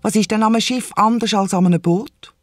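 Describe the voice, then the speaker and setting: A man's voice: high voice, fast, soft background music, pitched above the performer's own voice, lightly acted. A man with a Swiss German accent voicing eager, pleading little nieces in a children's radio play. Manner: pleading, excited.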